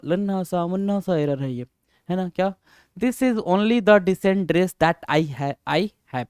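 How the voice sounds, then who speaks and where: Guy teaching grammar, kinda high voice, clear and dry, repeats stuff a lot. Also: no room sound. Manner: mixes Hindi and English, calls students "beta" and "sir", repeats himself. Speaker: English teacher. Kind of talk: Hindi-English grammar lesson.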